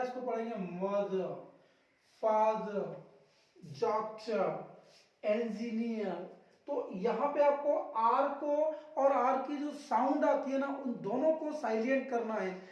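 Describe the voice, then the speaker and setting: A man's voice: extremely high pitch, normal speed. A male English teacher giving a classroom lesson, repeating words and quizzing his listeners. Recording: very echoey room, far from mic, dull sound.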